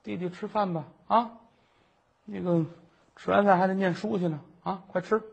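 A male storyteller voicing a soft-spoken teenage girl comforting her little brother. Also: sits high, steady tone, moderate pace, gravelly, breathy edge, lo-fi sound, exaggerated voice. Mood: coaxing. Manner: soft, soothing, coaxing. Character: gentle teenage girl, caring older sister.

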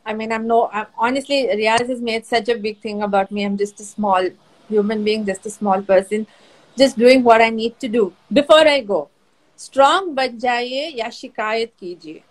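A woman's voice: on the high side, fairly even intonation, moderate pace, a little mellow, rough recording. A woman with an Indian accent speaking casually and earnestly as a guest on a talk show, with a humble manner. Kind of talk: casual parting message on an interview show.

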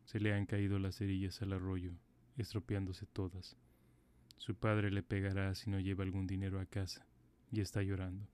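A man voicing a gentle, sorrowful statue prince in a calm, even storybook reading. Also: deep voice, moderate pace, smooth, natural voice. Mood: tender.

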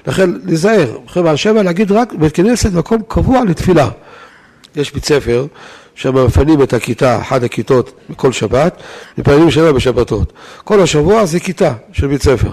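Man giving a lively Torah lesson. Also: a little high. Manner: lively, rhetorical questions to listeners. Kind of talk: weekly Torah lesson to a live audience.

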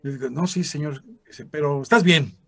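A man's voice: on the high side, normal speed. A man with a Mexican Spanish accent, a former radio announcer and voice actor, telling stories in a casual interview and acting out the voices he quotes. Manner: animated, acts out quoted voices.

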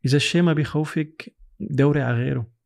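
A man's voice: a little high, quick pace, gravelly, darkish tone. A man with a Levantine Arabic accent, interviewing in a casual, encouraging way and switching between Arabic and English.

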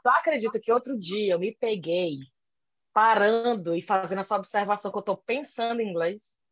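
Brazilian woman, Brazilian Portuguese accent, casual storyteller who acts out dialogue, mid pitch, dry dull lo-fi audio. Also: brisk, no echo. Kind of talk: casual chat. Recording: dull lo-fi sound.

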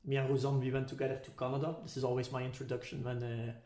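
A man's voice: mid-range voice, level tone, very fast, warm tone. Echoey man thinking aloud in conversation. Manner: tentative, philosophical, searching for words. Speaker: podcast guest. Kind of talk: casual reflective conversation. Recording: echoey, roomy sound.

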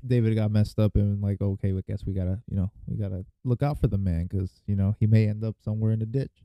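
Low, flat-voiced man chiming in. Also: quick pace, no room sound, lo-fi sound. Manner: laid-back, slangy interjections. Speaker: podcast co-host. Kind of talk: casual podcast chat.

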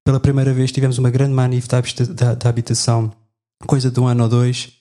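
A man reflects and recounts in a relaxed conversation. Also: mid-range voice, quick pace.

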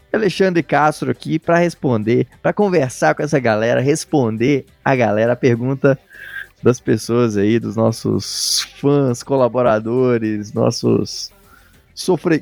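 A man's voice: mid-range voice, vocal fry, a little mellow, no echo. A man with a Brazilian accent hosting a casual sports podcast, chatting in an informal, jokey, stop-start way. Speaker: podcast host.

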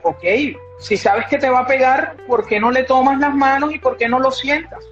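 A woman's voice: sits high, fairly even intonation, normal speed. A woman speaking as a guest specialist on child behavior, emphatic, repeating key phrases and giving examples. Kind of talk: explanatory interview talk. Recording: dull lo-fi audio with faint music.

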